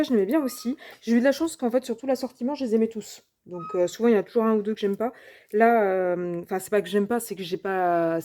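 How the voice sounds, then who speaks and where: A woman's voice: mid-range voice, mellow. Chatty, hesitant woman reviewing craft stamps. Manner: chatty and hesitant, often pausing to search for words. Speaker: crafting channel host. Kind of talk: casual unboxing and product review.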